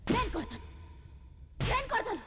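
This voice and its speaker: A shrill, taunting obsessive lover. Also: female voice, sing-song, moderate pace, long reverb tail, noisy background. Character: obsessive young woman, mocking and volatile. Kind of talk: dubbed film drama.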